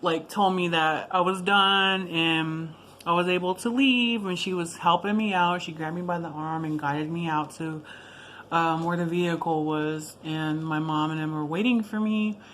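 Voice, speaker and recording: Woman, fairly low pitch, casual vlog storytelling, rambling, informal asides, self-correcting, noisy background. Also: steady tone, normal speed, a bit bright. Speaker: video blogger. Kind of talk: casual personal storytelling to viewers.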